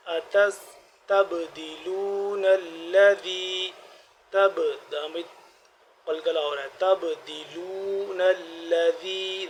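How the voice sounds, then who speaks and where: A man teaching Quran recitation. He chants verses slowly, then explains pronunciation rules quickly. He speaks with a Pakistani accent. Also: a little high, slight background noise, poor audio. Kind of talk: slow recitation lesson with spoken explanations.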